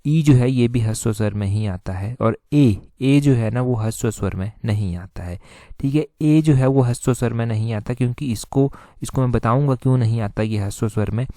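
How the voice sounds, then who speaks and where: A man's voice: medium pitch, normal speed, few pauses, dark tone, dry recording. A man teaching a recorded exam-prep lesson, explaining step by step and repeating answers with lots of filler phrases.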